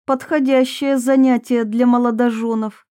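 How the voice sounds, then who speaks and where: A woman voicing a tired, wry young woman, the heroine, a little higher than her narration in an audiobook. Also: steady tone, moderate pace, dark tone, smooth, no echo, studio quality, close to an everyday voice.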